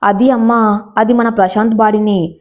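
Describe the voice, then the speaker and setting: A woman voicing a grieving elderly father who speaks gently and steadily. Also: mid-range voice, fairly even intonation, normal speed, natural voice. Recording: slightly dull lo-fi audio.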